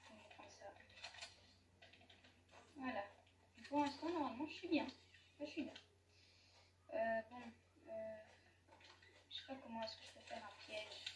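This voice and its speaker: A gaming YouTuber chats casually over her gameplay in a fairly high voice at normal speed, pausing often, giggling and correcting herself. The recording sounds echoey, with a distant mic and faint noise.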